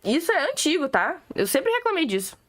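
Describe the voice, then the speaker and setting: A woman's voice: sits high, big pitch swings, fairly quick, fairly bright tone. A woman with a Gaúcho accent from southern Brazil, ranting sarcastically and opinionatedly as a political commentator on a live stream. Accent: Gaúcho Brazilian Portuguese. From Rio Grande do Sul, Brazil. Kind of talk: casual livestream rant.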